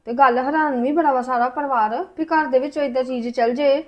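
An actress playing a worried, sharp-tongued female relative with a Punjabi accent, probing and scolding. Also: sits high, steady tone, fairly quick, close to an everyday voice. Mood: concerned. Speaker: relative in a family drama. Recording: dull lo-fi sound.

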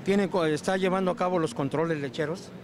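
A man's voice: a little high, steady tone, fairly quick, noisy background. A middle-aged Mexican man working as a television interviewer on location, speaking into a handheld microphone. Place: large indoor livestock exhibition hall.

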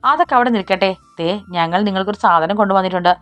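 A woman voicing a gentle, affectionate older brother who soothes his sister. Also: medium pitch, fast talker, no room sound, close to an everyday voice. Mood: tender. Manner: soothing, fond.

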